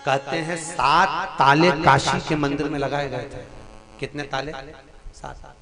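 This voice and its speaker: A man from India telling a devotional story as a sermon, animated and emphatic, often laughing as he speaks. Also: on the high side, measured pace, a crowd in the background.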